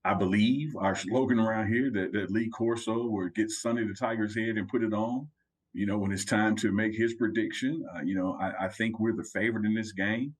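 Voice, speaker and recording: A man's voice: on the low side, fairly even intonation, fairly quick, husky, poor audio. A man with a Southern US accent and a folksy drawl, chatting casually about sports as a commentator on a talk show.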